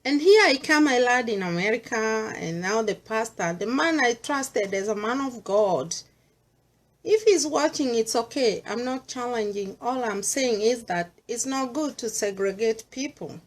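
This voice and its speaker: A middle-aged Kenyan woman with a Kenyan accent speaks earnestly as a vlogger sharing personal views, mixing English with Swahili. Her voice is a little high and animated, and her pace a little slow.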